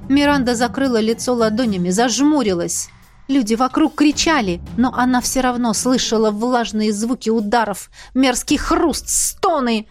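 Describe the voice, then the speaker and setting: A woman reading an audiobook in a steady, tense storytelling manner. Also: on the high side, normal speed, soft background music. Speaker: audiobook narrator. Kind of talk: scripted narration.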